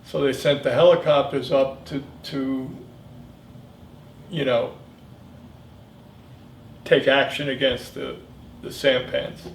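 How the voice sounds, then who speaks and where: Gravelly old veteran remembering, echoey room. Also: male voice, mid-range voice, level tone, slow pace, pauses often. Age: 70s. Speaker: Vietnam veteran being interviewed. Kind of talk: reminiscing in an interview. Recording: echoey room, distant mic, faint noise.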